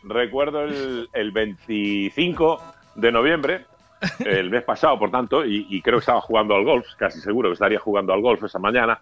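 A man's voice: lowish voice, brisk, muffled recording, faint music behind. A newly retired man in his sixties from Spain, chatting casually, swearing freely and laughing as he tells stories. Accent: Spanish. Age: 60s. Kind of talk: casual banter.

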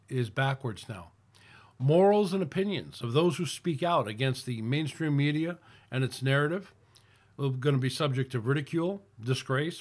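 Rambling middle-aged American man. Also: mid-range voice. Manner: rambling, with many restarts and fillers. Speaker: online commentary host. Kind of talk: casual political commentary.

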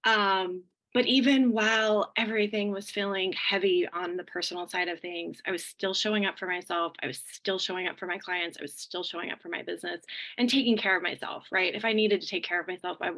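A woman's voice: on the low side, fairly even intonation, fairly quick, fairly bright tone, poor audio. A woman in a group podcast chat as a mastermind member, talking candidly and rambling, swearing casually.

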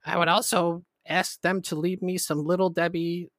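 A man hosting a podcast, chatting casually with animated, profane storytelling. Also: high-pitched, moderate pace, dry recording, studio quality. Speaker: podcast host. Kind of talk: casual chat.

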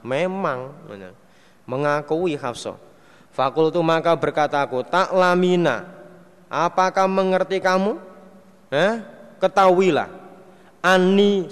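A man giving a sermon, reading a classical text phrase by phrase and translating each phrase, with lively asides. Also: fairly high pitch, clean tone, long reverb tail. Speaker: preacher.

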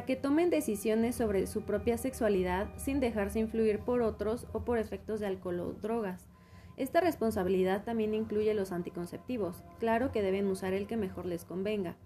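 A woman hosting and presenting a scripted educational talk, speaking clearly and instructively to young viewers. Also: on the high side, warm tone. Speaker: host.

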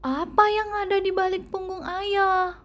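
An eager little boy who worries easily, as a woman reader puts him on in a children's storybook. Her voice climbs higher than her narration and comes out eager and exclamatory. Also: little pitch movement, a little slow. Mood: excited.

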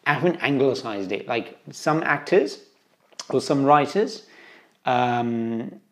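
A man's voice: mid-range voice, animated, takes it slowly. A man with a British English accent, an interview guest talking earnestly and wandering off into side points. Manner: earnest, digressive. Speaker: interview guest, travel writer. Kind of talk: conversational interview answers.

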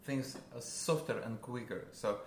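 A man with a Russian accent, a guest musician, talking casually in a halting way, searching for words with many fillers. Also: medium pitch. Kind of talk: casual interview. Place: a friend's house. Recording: roomy with background noise.

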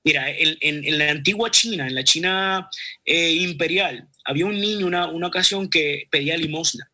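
A man talking earnestly about faith in a conversation, with frequent restarts and pauses. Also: on the high side, sharp tone. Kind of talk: religious conversation and storytelling.

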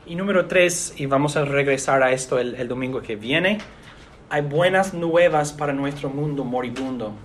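A man, a pastor, preaching an earnest sermon in a measured way with pauses. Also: medium pitch, a little hiss or hum.

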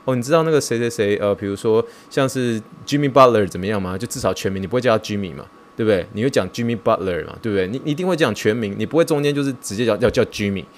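A man hosting a podcast, talking in a casual, excitable and self-mocking way, mixing in English words. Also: fairly low pitch, racing, few pauses, slight background noise. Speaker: podcast host.

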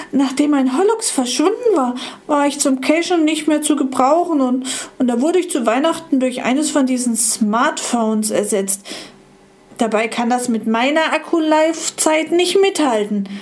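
An old music player from a storybook gushes in a squeaky, excitable voice, as a woman acts him out. His speech is high and breathless. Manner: gushing, very high-pitched.

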